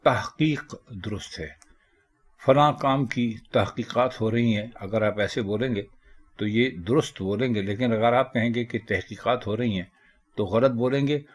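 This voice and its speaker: A man giving a measured pronunciation lesson, patiently correcting word after word. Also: medium pitch. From South Asia. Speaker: language teacher.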